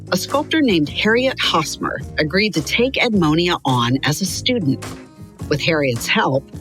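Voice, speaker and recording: Reading from a script, a woman tells a children's biography with expressive, crisply articulated storytelling, her voice sitting low.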